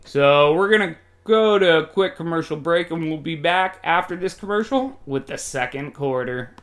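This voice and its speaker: Calling a football match play by play, a man delivers excited, colloquial commentary packed with jokes and exclamations. His voice is a little high and animated, moving at a moderate pace.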